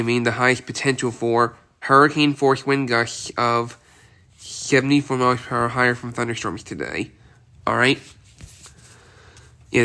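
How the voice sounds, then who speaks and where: A congested man with a cold hosts a casual weather video, speaking in a bright, forceful mid-range voice. He keeps restarting and repeating himself as he rambles on.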